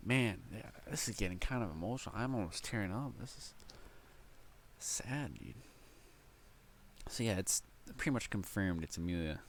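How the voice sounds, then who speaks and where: A young man reads a novel aloud at home, his low voice full of gravelly fry. He stumbles over words and breaks off into eager reactions, with a faint hiss behind him. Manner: reads haltingly with slips, breaks off to react excitedly. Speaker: light novel reader and reactor. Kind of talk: casual read-aloud with commentary.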